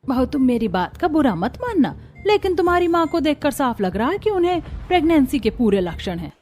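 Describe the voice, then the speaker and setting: A woman voicing an outspoken older mother-in-law in an animated cartoon, speaking frankly. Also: high voice, a little fast, slight background noise. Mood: blunt.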